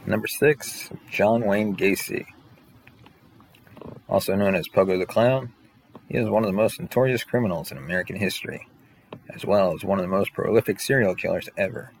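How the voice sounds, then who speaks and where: A man with a fairly low, gravelly voice narrates a scripted top ten countdown as its host. He presents each entry as a factual rundown. Some light background noise sits behind him. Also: fast talker, poor audio. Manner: announces numbered entries, then recounts facts.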